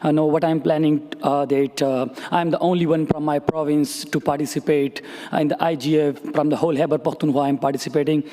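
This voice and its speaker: Mellow-voiced man from Pakistan, halting. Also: fairly high pitch, flat delivery. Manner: halting, earnest, many fillers. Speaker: audience member commenting. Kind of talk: conference floor comment. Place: large conference hall. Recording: long hall reverb.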